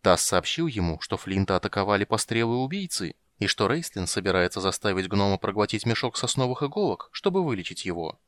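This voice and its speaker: A man narrating an audiobook with expressive storytelling. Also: on the low side, brisk, hardly any pauses, no room sound.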